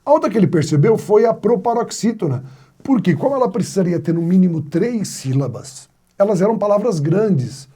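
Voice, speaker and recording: A man's voice: high voice, animated, brisk, warm tone, husky. A man teaching a grammar video lesson, explaining step by step and posing rhetorical questions to his students. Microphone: wired mic.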